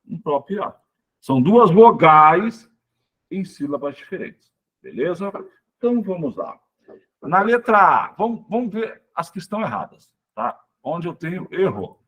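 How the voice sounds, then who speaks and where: A man teaching an exam prep lesson, explaining step by step, loudly stressing each example word and checking in with his students. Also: fairly high pitch, slightly rough. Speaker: Portuguese teacher.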